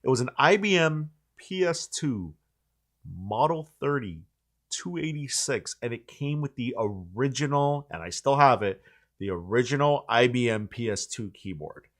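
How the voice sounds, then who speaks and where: Male host, forties, relaxed chat, rambling with fillers and restarts. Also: medium pitch, a little slow. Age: 40s. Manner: rambling, full of likes and restarts. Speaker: channel host. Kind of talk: casual chat.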